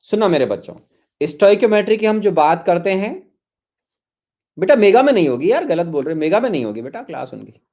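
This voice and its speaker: A male chemistry teacher gives an online lecture. His voice sits a little high for a man. He coaxes and repeats himself, calling his students his children. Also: sing-song, brisk, a little mellow. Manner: coaxing, repeats phrases, calls students "my children".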